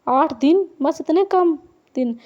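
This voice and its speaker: A woman voicing Rabab, a sharp-tongued, teasing young woman about to marry, in an audiobook reading. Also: a little high, fairly even intonation, a little fast, lo-fi sound, natural voice. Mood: cheeky. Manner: cheeky, mocking.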